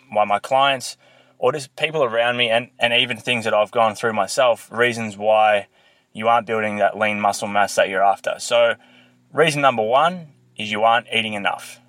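A man hosting a fitness podcast, explaining and coaching earnestly, recorded with low audio quality on a built-in laptop microphone. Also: a bit bright, no echo. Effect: low quality audio from a built-in laptop mic. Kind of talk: solo podcast, instructional talk.

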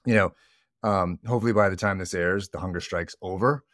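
A man's voice: low-pitched, brisk, a bit bright, dry recording, studio quality. A middle-aged man co-hosting a podcast in casual, joking chat with many fillers. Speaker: podcast co-host.

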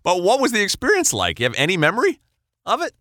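Guy podcast cohost, super lively pitch, bright voice, casual questions. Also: fast talker, no echo. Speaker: podcast co-host, interviewer. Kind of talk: casual interview chat.

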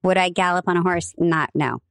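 Podcast co-host, woman from Nebraska, chatty storyteller, lower voice, dry studio sound. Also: brisk, clean tone, no echo. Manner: chatty, laughs often, rambling storyteller. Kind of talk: casual chat.

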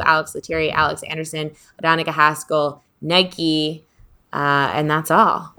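A woman's voice: fairly low pitch, bright, forceful tone, clean tone. A woman co-hosting a podcast in casual chat, laid-back and giggly, with many fillers. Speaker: podcast co-host.

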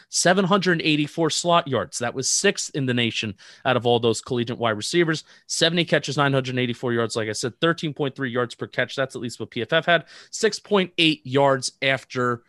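A man's voice: medium pitch, fairly bright tone, no room sound, clean studio sound. Man reeling off football stats. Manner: reels off statistics, measured. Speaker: podcast co-host. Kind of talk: casual sports analysis chat.

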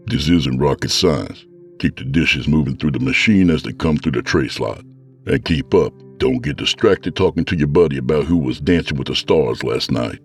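A man's voice: extremely low pitch, normal speed, faint music behind. A man voicing a blunt, matter-of-fact male kitchen sergeant laying down rules.

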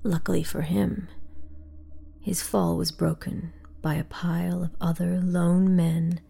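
A woman narrating a first-person horror story in a hushed, breathy whisper. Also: on the low side, level tone, takes it slowly.

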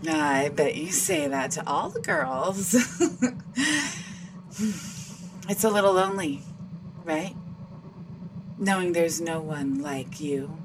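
A woman's voice: mid-range voice, very animated, slow pace, creaky, pauses often, background noise, exaggerated voice. An actress playing a playful female android who reads minds and taunts her opponent with laughs. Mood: teasing. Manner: teasing, mocking, laughs between lines. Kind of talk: audio drama acting.

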